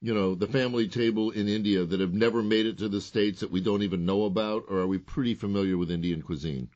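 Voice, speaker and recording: A man's voice: fairly low pitch, fairly even intonation, fast, a little mellow, lo-fi sound. A man co-hosting a radio food talk show, easygoing and steering the questions to his guests. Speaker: co-host.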